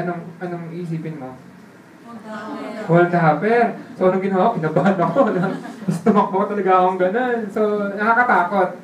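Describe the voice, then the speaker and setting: A man's voice: high-pitched, slight background noise. Chatty man, distant roomy mic. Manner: keeps checking in with the listener using tag questions; chuckles often while telling the story. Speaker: interviewee telling his life story. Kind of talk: casual spoken storytelling. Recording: roomy sound from a distant mic with faint ambience.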